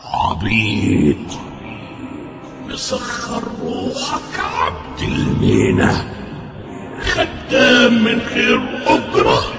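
A man's voice: very high-pitched, creaky, exaggerated voice. A man playing a scornful, coaxing devil who poses as someone's conscience in a drama. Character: mocking male devil posing as a man's conscience. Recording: loud music under the voice.

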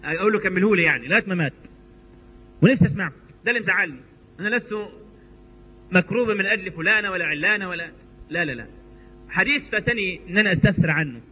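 Man doing a troubled egyptian-accented companion, earnest, rushing, echoey hall. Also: sits high, lively intonation, slightly rough, voice pushed down. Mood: regretful. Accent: Egyptian Arabic. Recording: reverberant hall, muffled lo-fi sound.

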